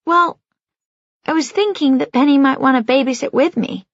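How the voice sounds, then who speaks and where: A woman reading an audiobook, voicing a gentle, hopeful teenage boy in a soft, easygoing way. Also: high voice, normal speed, no room sound, dull audio, pitched above the performer's own voice, lightly acted. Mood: coaxing.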